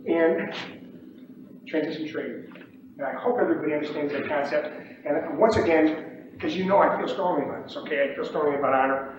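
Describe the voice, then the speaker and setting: Man, high-pitched, lectures traders emphatically, mic far off in a very echoey room, dull sound. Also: a little fast, long pauses, a crowd in the background. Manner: emphatic, repeats "okay?" and acts out pit shouts. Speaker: bond pit trader teaching trading. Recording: distant, dull, echoey room recording with faint noise.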